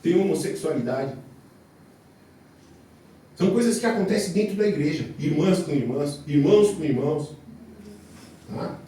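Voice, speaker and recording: A man's voice: a little high, expressive, moderate pace, long pauses, dark tone. A Brazilian man preaching a fervent church sermon, emphatic, repeating phrases and throwing out rhetorical questions. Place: church service before a congregation. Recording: very echoey church hall, distant mic, faint noise.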